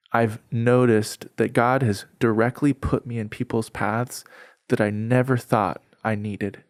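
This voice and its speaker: A man's voice: medium pitch, no echo, clean studio sound. Earnest young man sharing a testimony. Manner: earnest, heartfelt, conversational with frequent "like". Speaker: podcast guest. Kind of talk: personal faith testimony storytelling.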